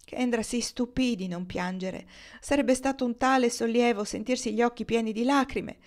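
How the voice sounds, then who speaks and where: Female audiobook narrator, calm, measured reading. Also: a little high. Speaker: audiobook reader. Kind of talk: novel reading.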